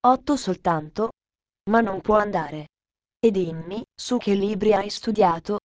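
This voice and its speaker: A woman's voice: mid-range voice, measured pace, no echo, lightly acted. A woman voicing a stern, strict middle-aged governess who scolds with severe questions, read close to her own voice.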